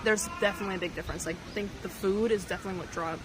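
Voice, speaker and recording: A woman's voice: mid-range voice, fairly even intonation, racing. A young woman from Boston, a tourist answering interview questions in a casual, chatty way with many fillers. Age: young adult. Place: outdoors on a city street. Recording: loud outdoor street noise.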